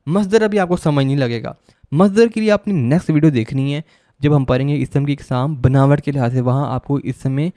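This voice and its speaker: Mellow-voiced male grammar tutor. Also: a little high, dry recording, clean studio sound. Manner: asks questions and answers them himself; repeats definitions slowly. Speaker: law admission test tutor. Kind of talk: grammar lecture.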